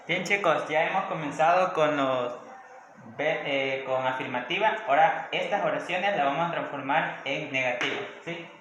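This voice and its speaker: A man's voice: a little high, moderate pace, fairly bright tone, dull audio. A man teaching a grammar lesson, explaining step by step and often checking in with questions. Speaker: English teacher. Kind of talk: recorded classroom lesson. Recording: echoey room with faint noise.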